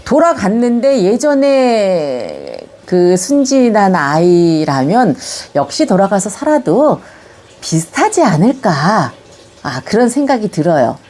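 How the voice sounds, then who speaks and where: Recording her video autobiography, an older Korean woman from Yongin in Gyeonggi reflects on her life at a slow pace. Her Korean carries a Chungcheong tinge, her pitch is lively, and though her reminiscing is calm, she grows gently animated recalling her childhood.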